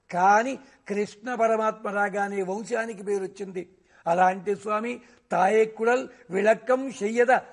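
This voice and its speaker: A man giving a devotional discourse on scripture. He recites verses slowly and asks rhetorical questions that he then answers himself. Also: sits high, vocal fry. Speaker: religious discourse speaker.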